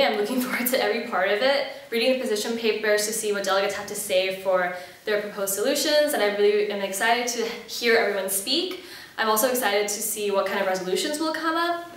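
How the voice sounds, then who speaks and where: A Malaysian woman in her twenties upbeatly answers casual interview questions about heading a committee as its head chair, with fillers and restarts. Her voice is mid-range and slightly bright, heard from a distance in a very echoey room.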